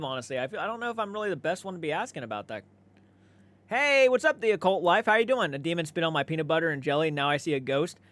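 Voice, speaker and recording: A man with a slightly high, somewhat bright voice hosts a casual livestream, talking in a relaxed, conversational manner. He reads out viewer comments and replies, cursing freely throughout, in a dry recording.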